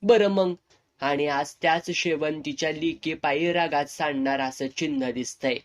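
पुरुष वाचक साकारतोय रगेल धिप्पाड Jahagirdar. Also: male voice, on the high side, unhurried, close to an everyday voice. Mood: mocking. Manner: cocky, mocking rural dialect. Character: burly swaggering middle-aged landlord, menacing.

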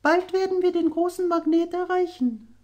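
High voice, dark tone, sorrowful young mermaid princess, gentle, storybook reading. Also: male voice, steady tone. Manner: soft, high storytelling voice with slow, drawn-out phrases. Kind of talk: audiobook character voice.

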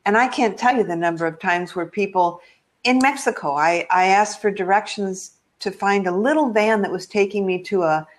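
A woman's voice: medium pitch, moderate pace. An older American woman, a travel blogger, telling travel stories in a video call interview, chatty and full of ums. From United States. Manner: warm, chatty storytelling with frequent ums. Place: living room at home.

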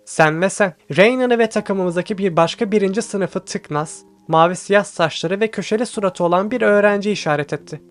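A man reading a first-person audiobook with tense, steady storytelling. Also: sits high, fairly quick, hardly any pauses. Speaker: audiobook reader. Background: faint background music.

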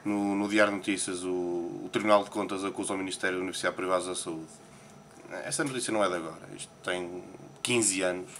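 On a Las Vegas morning, a poker player from Portugal with a European Portuguese accent chats casually in an interview, commenting on newspaper headlines and hesitating often. His voice is low and a bit bright, with a steady tone and a quick pace. There is slight background noise.

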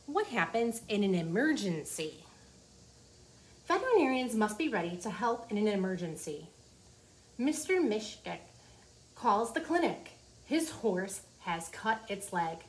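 With a mid-range voice that swings widely in pitch, a woman in her forties reads at a measured pace. She's presenting a children's nonfiction book like a teacher, explaining things simply for young listeners in a small office. Noisy room sound is clearly present.

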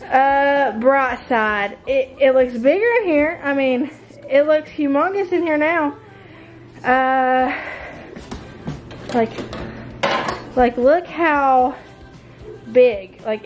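An American homemaking vlogger chats casually and ramblingly to camera in the open-plan living room and kitchen of her mobile home. Her high-pitched voice is slow with long pauses, and faint music plays behind. She films on a handheld camera at arm's length.

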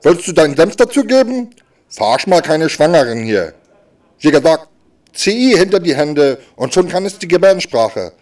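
A man speaking as a sign language voice interpreter, voicing stand-up comedy in a lively way that swings between loud and soft. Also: fairly high pitch, moderate pace, recorded from a distance.

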